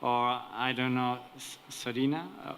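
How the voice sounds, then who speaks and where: A man giving unscripted remarks as a conference participant, deliberately searching for his phrasing. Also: medium pitch, little pitch movement, fairly bright tone, slight background noise. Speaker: conference participant, event organizer.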